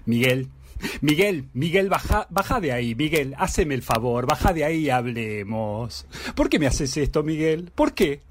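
A man's voice: fairly high pitch, lively intonation, normal speed. A man voicing a frantic middle-aged wife with an Argentine accent, pleading with and scolding her runaway husband, stammering at times. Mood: pleading, exasperated. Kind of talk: dramatic reading of a theatre monologue.

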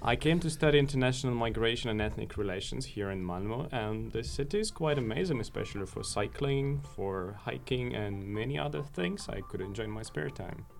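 A young man from Ukraine, a student speaking calmly and thoughtfully in an interview. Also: mid-range voice, a little fast, vocal fry, few pauses. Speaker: master's student. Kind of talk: interview conversation.

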